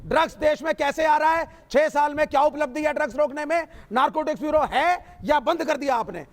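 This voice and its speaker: Opposition panelist, man, very high voice, insistent, keeps demanding answers. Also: fairly quick. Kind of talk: heated political debate.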